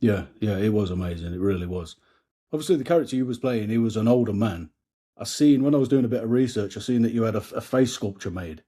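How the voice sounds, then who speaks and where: A man's voice: lowish voice, fast, warm tone, breathy edge. A man, interviewing a guest in an enthusiastic, informal way. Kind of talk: casual interview.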